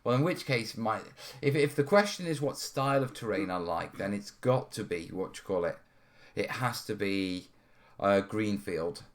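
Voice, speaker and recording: Hosting a live hobby stream on terrain modelling from his studio, a North Wales man chats and answers questions in a relaxed, wandering way. His voice is lowish and expressive at a moderate pace, with frequent "yeah" and "you know" check-ins.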